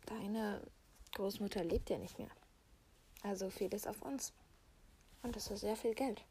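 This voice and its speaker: A woman voicing a gentle mother in an amateur role-play voice-over, talking in a hushed, calm way. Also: mid-range voice, unhurried, breathy edge. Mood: hushed, serious. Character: gentle mother revealing a farm gift. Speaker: mother character.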